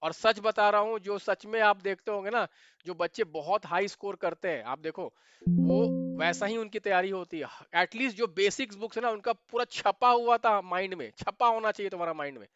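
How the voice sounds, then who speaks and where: A male exam mentor with a high, bright, crisp voice. He talks emphatically and hammers his points home by repeating them. The sound is dry and a little dull. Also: a little fast, dry recording. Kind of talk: direct-to-camera advice video.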